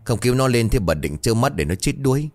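Brief: narrator as a headstrong old boatman, low-voiced and steady, lively in his swings. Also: normal speed, no echo, soft background music. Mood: stubborn. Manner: firm, dismissive, low and steady. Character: stubborn, gruff older boatman husband.

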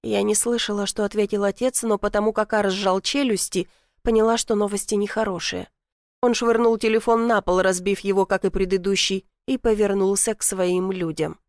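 A woman's voice: mid-range voice, fairly even intonation, moderate pace, dry recording, studio quality. A woman reading a first-person novel aloud, telling it tensely and dramatically. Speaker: audiobook narrator.

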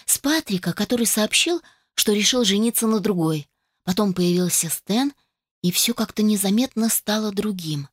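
A woman reading a first-person novel aloud as an audiobook narrator, in an even storytelling way. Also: medium pitch, moderate pace, no room sound, clean studio sound.

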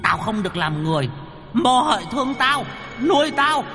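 A man voicing a shrill, vicious demon boy spirit in a spoken horror story, chanting in a high singsong. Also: sing-song, normal speed, bright, forceful tone, big-room sound, faint music behind, exaggerated voice. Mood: menacing. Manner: chanting, menacing.

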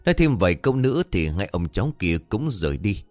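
Deep-voiced male storyteller. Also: very animated, fast, no room sound, faint music behind. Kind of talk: scripted story narration.

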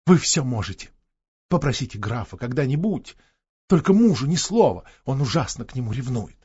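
A male narrator voicing a chatty, excitable consul's wife who gushes and gossips, on a dull, dry lo-fi recording. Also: medium pitch, normal speed, slightly rough, no echo. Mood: excited.

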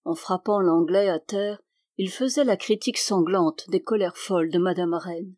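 A woman reading a historical novel aloud as an audiobook, in a measured, expressive storytelling manner. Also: fairly low pitch, no room sound, studio quality. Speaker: audiobook reader.

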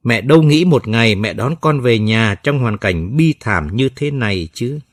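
A man voicing a grieving mother who speaks softly and tearfully. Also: medium pitch, animated, normal speed, dry recording, studio quality, lightly acted. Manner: tearful, pleading, soft. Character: grieving mother, gentle but firm.

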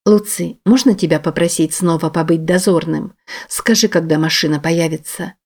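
A calm, commanding young woman in an audiobook who speaks firmly and without hurry, as a woman reader voices her. Her voice stays low and steady. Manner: calm, firm, measured. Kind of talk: audiobook character voice.

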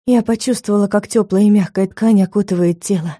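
A woman narrating a first-person audiobook, telling the story in a lively, expressive way. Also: medium pitch, brisk, breathy edge, dry recording, studio quality.

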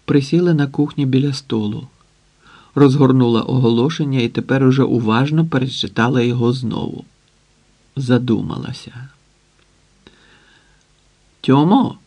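Man reading a novel aloud; measured, mid-pitched narration. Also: steady tone, mellow. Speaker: audiobook narrator.

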